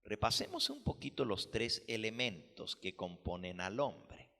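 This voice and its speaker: A man preaching a sermon as pastor, teaching slowly and deliberately, explaining words with care. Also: lowish voice, very animated, pushed and bright, in a large hall. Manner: slow, deliberate teaching with careful word explanations.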